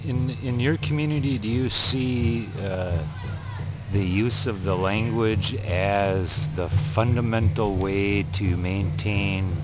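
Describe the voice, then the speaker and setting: A man interviewing outdoors, asking slow, searching questions with frequent fillers. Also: lowish voice, steady tone. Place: outdoors at a powwow. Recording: outdoor recording with loud background noise.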